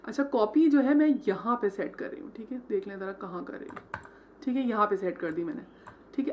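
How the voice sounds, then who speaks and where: A woman's voice: on the high side, muffled recording, a little hiss or hum. A woman teaching logo design step by step, mixing English terms into her Hindi and checking in with "theek hai" after each step. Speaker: design tutor. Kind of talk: screen-recorded software tutorial.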